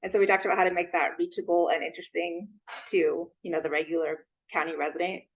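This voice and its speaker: Lady with a lowish voice talking through a mask, lots of ums, giving a group report. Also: flat delivery, breathy edge, lo-fi sound. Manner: halting, many fillers. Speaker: meeting participant reporting group ideas. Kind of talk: casual meeting report. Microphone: masked, in a meeting room.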